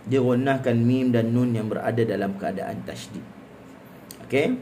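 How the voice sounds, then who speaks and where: A man's voice: mid-range voice, moderate pace, dark tone, a little hiss or hum. Malaysian man drilling Quran recitation. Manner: breaks words into drilled syllables, then chants verses melodically. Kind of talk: live tajweed lesson.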